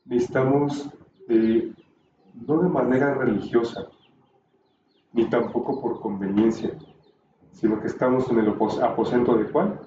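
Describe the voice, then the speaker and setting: A man teaching a Bible class, explaining calmly and tossing in rhetorical questions, recorded from a distance in a roomy space. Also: medium pitch, dull audio, background noise.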